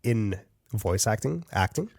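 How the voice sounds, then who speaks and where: A man's voice: on the low side, lively intonation, unhurried, vocal fry, a little mellow, husky, dry recording, studio quality. A man hosting an interview, asking playful, curious questions. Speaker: interview host. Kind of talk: casual interview.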